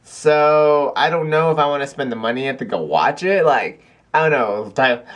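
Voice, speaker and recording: A man's voice: mid-range voice, expressive, moderate pace, fairly bright tone. A young man chatting casually to camera in a video blog at home, rambling with lots of fillers and restarts. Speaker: vlogger. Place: cold house.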